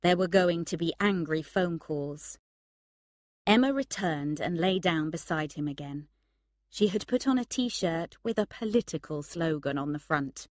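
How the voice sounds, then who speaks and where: A woman narrating a story for English learners in a slow, measured, clear reading. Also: low-pitched, no echo, studio quality. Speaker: audiobook narrator.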